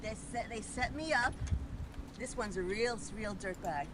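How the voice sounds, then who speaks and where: A woman's voice: fairly high pitch, unhurried. A woman on a city street ranting accusingly and repeating herself, caught on a phone camera. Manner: accusatory, repetitive. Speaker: passerby in a street confrontation. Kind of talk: angry ranting monologue. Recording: noisy street phone recording.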